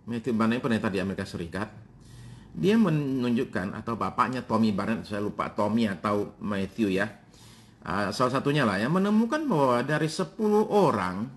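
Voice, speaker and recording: A man in his fifties, a pastor preaching a sermon, speaking directly to his congregation with frequent pauses and fillers, answering his own questions. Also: mid-range voice. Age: 50s. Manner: addresses congregation directly, asks and answers himself.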